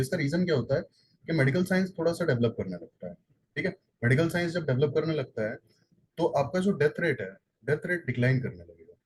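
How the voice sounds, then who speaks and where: Husky-voiced man teaching a lecture. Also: mid-range voice, a little mellow, poor audio. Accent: Indian. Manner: explains step by step, repeats points, frequent fillers and self-corrections. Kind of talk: exam-prep lecture in Hindi-English mix.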